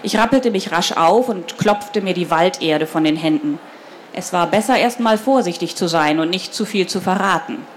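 A woman reading a children's novel aloud in the first person and then talking lively and directly to young listeners about the story. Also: fairly low pitch, moderate pace, slight background noise. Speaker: reader of a children's book.

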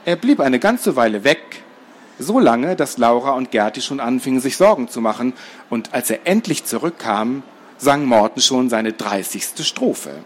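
A man reading a children's book aloud in a lively, expressive way. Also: mid-range voice, moderate pace. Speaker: storyteller.

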